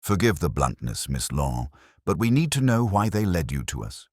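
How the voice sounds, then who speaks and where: A man voicing an earnest, puzzled gentleman doctor in an audiobook, politely questioning. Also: low-pitched, sing-song, moderate pace, no echo, studio quality. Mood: polite, urgent. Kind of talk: audiobook character dialogue.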